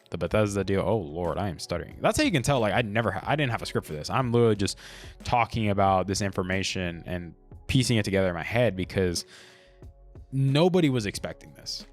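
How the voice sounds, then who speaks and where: A podcast host talking through his views off the cuff, blunt and opinionated, leaning on casual fillers. His voice sits low for a man. Soft music plays faintly under him. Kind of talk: unscripted solo commentary.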